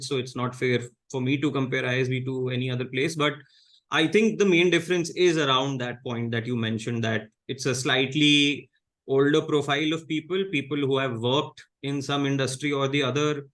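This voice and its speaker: A guest comedian, a man in his thirties with an Indian English accent, talks in a casual interview. His delivery is measured and low-key, full of fillers and restarts, and his voice is a bit bright.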